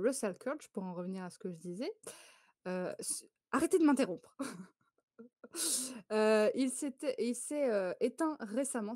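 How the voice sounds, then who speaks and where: A woman's voice: medium pitch, creaky, dark tone, dry recording, clean studio sound. A woman from France hosting a photo quiz on a live stream, chatty and laughing often as she greets viewers.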